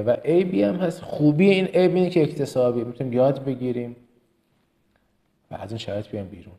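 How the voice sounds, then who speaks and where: A man from Kerman with a slight Kermani Persian accent, giving a motivational business lesson as a trainer. He speaks with emphasis, repeats words for stress and rattles off quick lists. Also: medium pitch, mellow. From Kerman, Iran.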